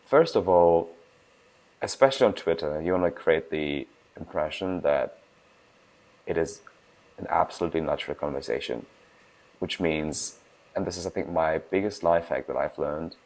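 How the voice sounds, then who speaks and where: Deep-voiced young man. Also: creaky, a little mellow, rough recording. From Germany. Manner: fast-talking, restarts words, emphatic. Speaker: guest, food startup founder. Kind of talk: casual interview answers.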